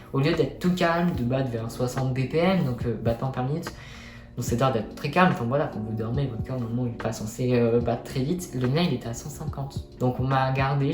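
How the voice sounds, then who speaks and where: A young man talks casually to his viewers at a medium pitch. He tells his story in a colloquial, self-deprecating way. The room rings with noticeable echo, and music plays behind him. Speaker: vlogger. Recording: echoey room.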